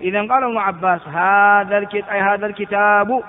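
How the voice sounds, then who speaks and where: An Islamic scholar teaches tafsir, explaining the Quran at length in a high-pitched, fairly even voice, often restarting and posing rhetorical questions. Between explanations he chants verses slowly, and the tinny, phone-like recording has a long reverb.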